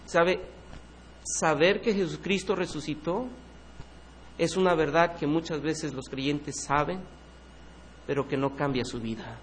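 A man's voice: on the high side, a little slow, pauses often, slight background noise. A man preaching a Sunday morning sermon in a church, earnest and asking his congregation searching questions. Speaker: pastor.

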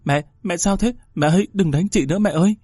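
A man's voice: high-pitched, lively intonation, normal speed, warm tone, husky, no echo, clean studio sound, pitched above the performer's own voice. A man voicing a frightened young schoolgirl who pleads and comforts her older sister in a read-aloud story. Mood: pleading. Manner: pleading, childlike.

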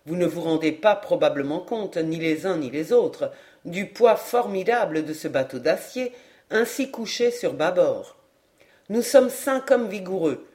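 Earnest young hero of a storybook, a bit lower, steady, woman reading. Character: young man, earnest and encouraging son.

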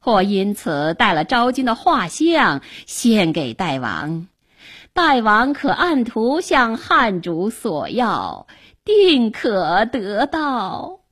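A woman's voice: mid-range voice, wildly swooping pitch, slow pace, a bit bright, husky, full character voice. A woman doing a fawning, scheming court painter. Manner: wheedling, ingratiating.

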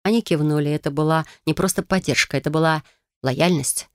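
A narrator reading a first-person romance novel in an even, measured storytelling manner. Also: mid-range voice, no room sound, clean studio sound.

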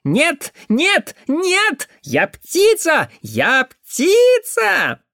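Squawky high simple lad, yells the same words over and over like a crow, super lively. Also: male voice, very slow, gravelly, no echo, studio quality, exaggerated voice. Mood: shrieking. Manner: shrill crowing shouts, repeats words. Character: excitable simple-minded village lad, crow-like cries.

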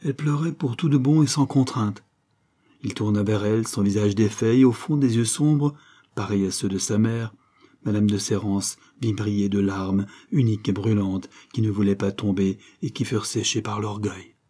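A man narrating a classic novel as an audiobook in a measured, even reading. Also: lowish voice, breathy edge.

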